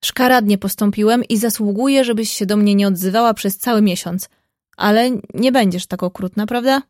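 A proud, hot-tempered young gentleman from an audiobook, stubborn and indignant, as a woman narrator voices him. The voice sits at a middle pitch. It is recorded close and dry, with no room sound. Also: brisk, no room sound, natural voice.

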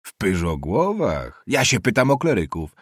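A man doing a hoarse, commanding nobleman. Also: fairly low pitch, sing-song, normal speed, no echo, clean studio sound. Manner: hoarse, commanding, mocking questions. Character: haughty young mustached nobleman, commanding.

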